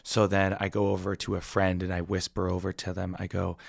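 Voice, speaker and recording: A man's voice: deep voice, monotone, fairly quick, gravelly, no room sound. Young male host in his twenties; rambling, casual storyteller, dry close sound. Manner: rambling storyteller with many fillers and restarts. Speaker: podcast host. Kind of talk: casual chat.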